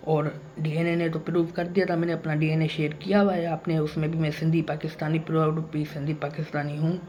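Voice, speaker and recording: A man's voice: a little high, little pitch movement, brisk, a little mellow. Male vlogger, insistent and repetitive, faint background noise. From Pakistan. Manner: repetitive and emphatic, circles back to the same points. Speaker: YouTuber. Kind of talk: casual vlog monologue.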